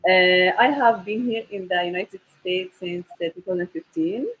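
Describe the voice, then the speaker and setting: A woman's voice: lowish voice, normal speed, a bit bright, husky, rough recording. A woman in her thirties from the Golan Heights, co-hosting a casual talk show over a video call and restarting her sentences often. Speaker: co-host.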